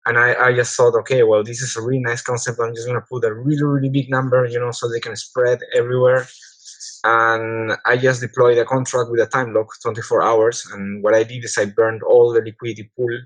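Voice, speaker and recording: A man's voice: mid-range voice, little pitch movement, fairly quick, no room sound, poor audio. A man in his thirties from Peru, a medical doctor, chatting casually in a community AMA, hesitant with many restarts. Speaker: project founder, medical doctor.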